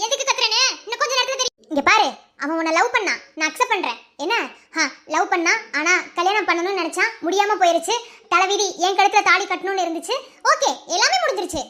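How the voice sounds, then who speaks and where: A woman's voice: extremely high pitch, expressive, fast talker, bright, forceful tone, exaggerated voice. A woman voicing a fierce young wife in a cartoon, with a Madurai Tamil accent, scolding and threatening in her husband's defense.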